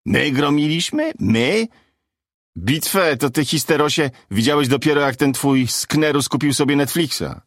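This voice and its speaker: A swaggering, touchy male guardian angel spoiling for a fight, as a man puts him on, his voice pitched up high and pushed out loud. He jeers and goads in a dry, close storybook reading. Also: huge pitch swings, a little fast, creaky, hardly any pauses, breathy edge, no echo, exaggerated voice. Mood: taunting. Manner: shrill, taunting, provoking a fight.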